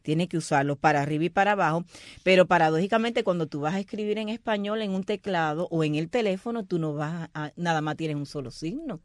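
A woman co-hosting a casual talk show, explaining punctuation in a lively way and acting out example phrases. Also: on the low side, a little fast, no echo, clean studio sound. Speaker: co-host explaining Spanish grammar. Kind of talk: casual radio chat.

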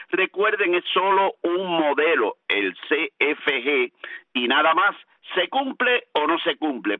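A man's voice: fairly high pitch, no room sound. A man giving a live radio weather forecast, chatty and speaking straight to his listeners, repeating key terms. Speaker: radio meteorologist. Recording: narrow-band telephone-like radio line.

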